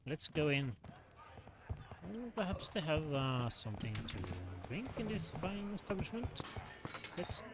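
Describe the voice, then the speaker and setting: A man's voice: on the high side, sing-song, measured pace, pauses often. A man improvising in-character game narration as a storyteller, polite and theatrical with a hesitant delivery. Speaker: storyteller and gamer playing in character.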